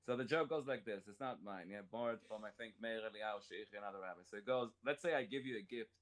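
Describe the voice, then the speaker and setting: A man's voice: lowish voice, fast. A man hosting a casual Torah study chat, explaining step by step with jokes and everyday examples, and reading commentary aloud and translating it. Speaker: Torah class host.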